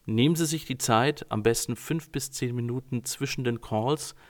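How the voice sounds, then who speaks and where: A man working as a communication coach, talking calmly and directly to his listeners, addressing them formally. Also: medium pitch, moderate pace. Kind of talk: informal talk to listeners.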